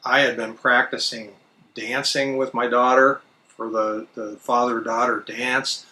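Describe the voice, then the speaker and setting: A middle-aged man telling a personal story as a vlogger, in a casual, plain-spoken and measured manner. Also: medium pitch, little pitch movement, sharp tone, recorded from a distance, a little hiss or hum, low-quality recording. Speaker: vlogger recounting RV life.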